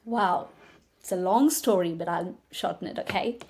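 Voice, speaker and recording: A woman in her thirties from India with an Indian accent, a guest migration agent telling her life story in a casual interview, animated and full of quoted dialogue. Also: lowish voice, normal speed. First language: Tamil.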